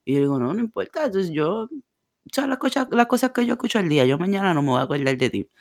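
A man co-hosting a casual podcast, telling animated anecdotes about his driving shifts and slipping in English phrases. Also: high voice, quick pace, no room sound, studio quality. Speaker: podcast co-host and driver. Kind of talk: casual storytelling.

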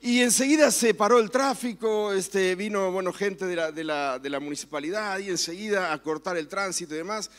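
A man's voice: high voice, fairly quick, few pauses. A man, a pastor preaching a sermon in church, telling stories and turning fervent in prayer. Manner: storytelling with varied emphasis, fervent when praying.

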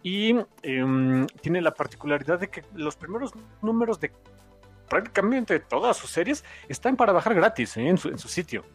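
A man's voice: high voice, big pitch swings, moderate pace, soft background music. A man co-hosting a comics podcast, joking and laughing easily in casual chat. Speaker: podcast co-host.

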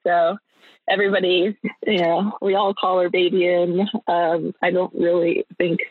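Over a thin line that sounds like a phone, a young woman who owns a small business talks as an interview guest, casual and hesitant as she works through her thoughts aloud. She has a lowish, level voice with a breathy edge and a moderate pace, and the recording is dry.

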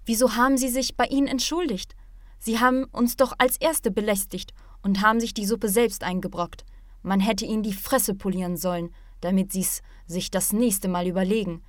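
A hot-tempered young man blurts out his protest quickly and loudly, as a woman reads him in an audiobook. The voice stays in a middling register. The recording is dry and close, with no room sound. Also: mid-range voice, fairly even intonation, no echo, close to an everyday voice. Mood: indignant.

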